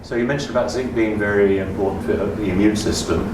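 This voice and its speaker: A man's voice: on the low side, fairly even intonation, quick pace. A man in an audience, casually asking follow-up questions from away from the microphone. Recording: far from mic, echoey, noisy room.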